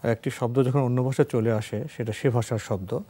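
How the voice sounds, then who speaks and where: Man as TV host, mid-low pitch, mellow tone, formal presenter reading letters. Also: fairly even intonation, fairly quick, husky. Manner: formal, reads questions aloud.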